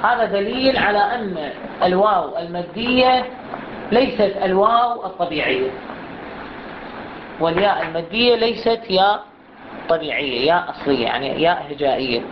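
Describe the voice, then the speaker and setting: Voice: mid-range voice, expressive. Patient recitation teacher, lo-fi classroom recording. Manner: asks the class questions, then stretches out example words slowly to demonstrate. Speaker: teacher of Quran recitation rules. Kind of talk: classroom lesson. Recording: dull lo-fi recording with clear background noise.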